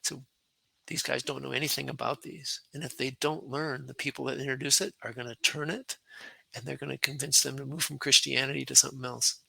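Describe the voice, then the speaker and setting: A man in his sixties, a retired colonel, telling lively stories as a podcast guest and acting out quotes with laughs. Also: medium pitch, a little fast, vocal fry, breathy edge, dry recording, poor audio. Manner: animated anecdotes with laughs and acted-out quotes. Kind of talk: conversational war storytelling.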